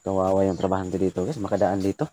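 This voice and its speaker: A man's voice: low voice, level tone, fast, warm tone. A man vlogging a paranormal investigation in a remote hut, reacting with startled exclamations and speaking directly to an unseen spirit. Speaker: ghost-hunting vlogger.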